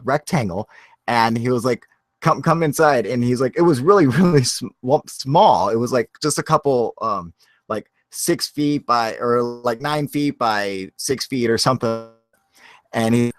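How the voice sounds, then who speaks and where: A man's voice: medium pitch, a bit bright, dry recording. A man telling a story in a casual, rambling way, full of fillers and frequent laughs.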